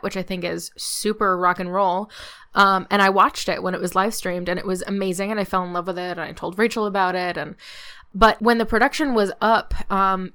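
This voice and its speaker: Bright, casual woman podcast co-host. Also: medium pitch, clear, resonant tone.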